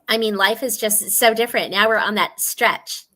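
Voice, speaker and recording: A woman's steady, medium-pitched voice carries at a moderate pace in a casual interview held over a video call from her home, where a dog is barking nearby. In her forties and working as a financial specialist, she is earnest, laughs readily, and offers warm, chatty explanations.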